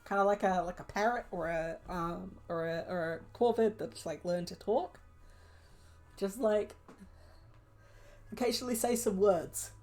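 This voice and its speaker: A woman's voice: mid-range voice, a little slow, long pauses, darkish tone. A young woman streaming a solo tabletop game, reading prompt lists aloud and musing at length with many fillers.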